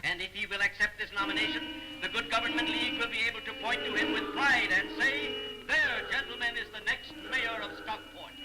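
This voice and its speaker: A man's voice: sits high, steady tone, brisk, over loud music. An actor playing a formal civic chairman giving a declamatory 1930s film speech, a disembodied voice as if over a radio. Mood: solemn, rousing. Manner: formal, declamatory banquet oratory. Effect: disembodied voice over a car radio. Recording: noisy, distant 1930s film soundtrack.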